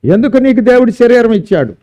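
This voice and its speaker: A man's voice: extremely high pitch, lively intonation, fast, mellow, dull audio. A man preaching a sermon at a church service, emphatic and drawing out key words. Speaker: pastor.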